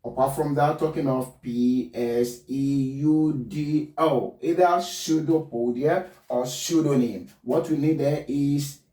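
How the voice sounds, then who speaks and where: A man teaching a pronunciation lesson, spelling words out letter by letter and repeating each one slowly. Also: medium pitch, warm tone. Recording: roomy, distant mic.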